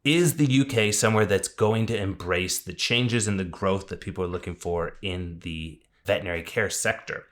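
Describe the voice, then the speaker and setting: Man, lowish voice, casual news commentary, chatty asides. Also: normal speed, hardly any pauses, a bit bright. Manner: conversational, enthusiastic asides. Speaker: vet industry news podcast host.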